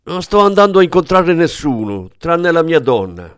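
A man voicing a frightened, corrupt male police detective in an audiobook, shrill and pleading. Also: very animated, moderate pace, darkish tone, no room sound, clean studio sound, natural voice. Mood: panicky.

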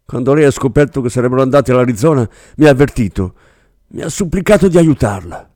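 A scared young clerk talks in a high, strained voice, rushing his words, as a man puts him on. The delivery swings widely in pitch. It sounds close and dry, with no room around it. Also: expressive, dark tone, dry recording, lightly acted. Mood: frightened, pleading.

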